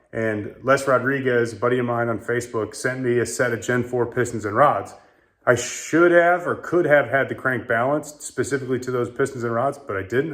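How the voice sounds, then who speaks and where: A man's voice: medium pitch, a bit bright. A man hosting a casual car-build vlog, talking in a plainspoken, matter-of-fact way and running through part costs. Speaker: car builder and channel host.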